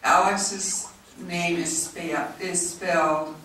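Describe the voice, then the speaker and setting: A woman commissioner speaking at a public meeting, spelling things out slowly and correcting herself as she goes, heard from a distance in a hall. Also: fairly low pitch, steady tone, fairly bright tone, a little hiss or hum. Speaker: charter commissioner. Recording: echoey hall, distant mic.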